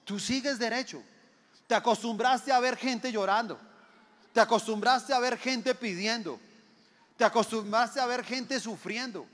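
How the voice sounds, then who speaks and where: A man's voice: extremely high pitch, a bit bright. A man, preaching a sermon. He talks with emphasis, repeats his phrases and asks the listeners rhetorical questions. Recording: long hall reverb.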